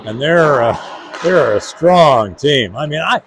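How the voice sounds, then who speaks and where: A man joining as guest play-by-play announcer for a hockey broadcast, talking in a measured, thoughtful way. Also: on the high side, lively intonation, fairly bright tone. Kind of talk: casual pregame commentary. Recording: noisy arena ambience.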